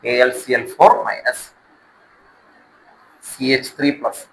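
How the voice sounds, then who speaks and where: Speaking slowly at a medium pitch, a man with a Malayali accent works through a chemistry lesson one step at a time. He mixes English technical vocabulary into Malayalam, repeating important words and checking for understanding with questions. There is slight background noise, and the recording quality is rough.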